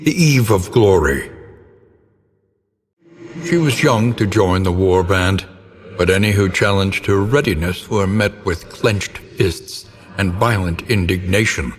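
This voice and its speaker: As narrator of a dark gothic game, a man tells a grim, foreboding story in a very low, slow voice, giving each phrase theatrical gravity. His scripted delivery is grave, measured and ornate, with a somber, dramatic mood, and it rings out in a long reverb over a noisy ambient bed.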